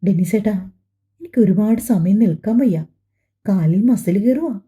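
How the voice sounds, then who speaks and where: Woman playing gentle young pregnant wife. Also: mid-range voice, moderate pace, close to an everyday voice. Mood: soft, gentle. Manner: pleading, tearful. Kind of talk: audiobook dialogue.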